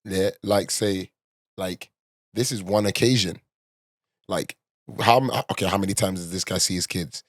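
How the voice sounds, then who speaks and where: A man's voice: low voice, fairly even intonation, moderate pace, long pauses, no room sound, clean studio sound. A man with an urban London accent, talking like a roadman in casual, opinionated, slang-heavy and sweary chat. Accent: London, urban street.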